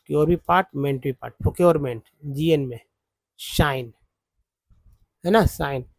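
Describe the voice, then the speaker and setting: A man teaching English phonics from slides, explaining word parts slowly. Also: fairly high pitch, a little mellow, no echo. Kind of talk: slide-based phonics lesson.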